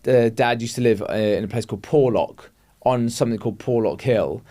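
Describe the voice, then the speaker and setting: A man co-hosting a chatty podcast. He sounds relaxed and jokey, and pauses on fillers as he tells a story. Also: mid-range voice. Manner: laid-back, jokey, halting with fillers. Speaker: podcast co-host. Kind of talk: casual chat.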